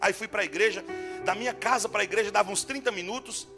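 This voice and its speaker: A man preaching a storytelling sermon as guest preacher at a church service, fervent and rising to shouts. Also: high-pitched, very fast, over music.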